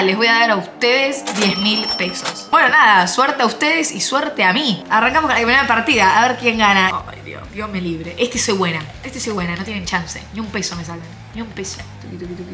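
A young woman with an Argentine accent, commenting on her own gameplay, muttering softly while she plays and breaking into high shrieks. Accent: Argentine Spanish. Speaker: gaming YouTuber.

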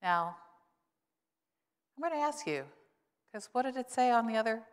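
Smooth and lively in intonation, this woman speaks at a normal speed from the pulpit of a reverberant church sanctuary. She's a pastor in her sixties delivering a chatty, wryly funny sermon, and mentions her voice has dropped since she was ill.

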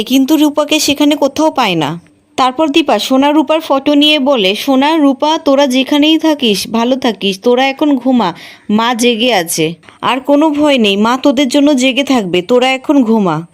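A woman retelling a television serial episode as a story, reading every character's lines herself in a plain storytelling voice. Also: high voice. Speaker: serial recap narrator. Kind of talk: scripted storytelling recap.

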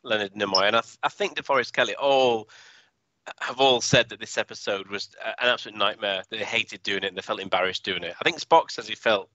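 Bright, dry-sounding man chatting on a podcast. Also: fairly low pitch, fairly quick, dry recording. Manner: easygoing, laughs often. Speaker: podcast co-host. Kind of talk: casual chat. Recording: dry, dull lo-fi podcast audio.

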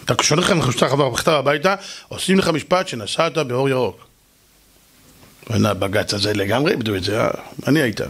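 A man's voice: medium pitch, a bit bright, husky. A man preaching as a rabbi, telling stories animatedly, acting out quoted voices and putting rhetorical questions to his listeners. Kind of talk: sermon.

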